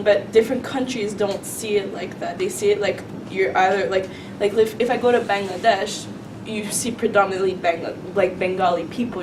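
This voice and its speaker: A young woman student gives her view on a panel in an animated, opinionated way, peppering her talk with "like". She is picked up from a distance. Steady background noise can be heard. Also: mid-range voice. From Canada. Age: young adult. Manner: animated and opinionated, heavy use of "like". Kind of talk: panel discussion.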